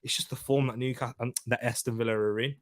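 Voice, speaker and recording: A man hosts a laid-back football preview live stream, speaking at a quick pace in a steady, mid-range voice. He chats loosely, reads out viewer comments, and trades jokey banter with them.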